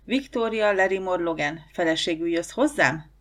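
A brash, teasing young lawyer full of confidence, read by a woman in an audiobook. The voice sits fairly low and stays light and jokey, rolling along in self-assured banter. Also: lightly acted. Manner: joking, self-assured, boisterous. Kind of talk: audiobook character reading.

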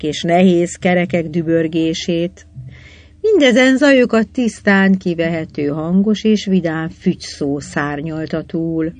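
A narrator reading a children's adventure novel aloud, telling it evenly and lifting the voice for the characters' lines. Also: no room sound. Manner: even storytelling, quotes read with raised pitch. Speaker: audiobook narrator.

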